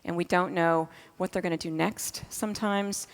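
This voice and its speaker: A woman's voice: lowish voice, fairly even intonation, moderate pace. A woman from Massachusetts in her fifties giving a chatty conference talk as an astronaut, full of fillers and restarts. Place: conference stage. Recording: long hall reverb in a conference room.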